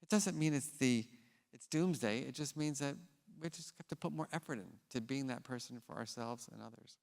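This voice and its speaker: Male keynote speaker, mid pitch, animated and casual, recorded in a theater with long reverb. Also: brisk, gravelly. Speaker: scientist. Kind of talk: conference keynote with storytelling. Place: large theater stage.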